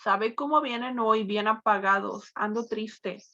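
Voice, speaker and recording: A woman's voice: on the high side, moderate pace, fairly bright tone, lo-fi sound. A woman English teacher giving an online class, encouraging and prompting her students with repeated questions.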